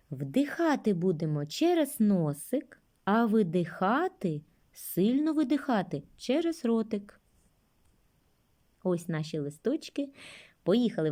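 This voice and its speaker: A woman teaching young children a speech lesson, speaking gently and drawing out words for them. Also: a little high. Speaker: kindergarten teacher.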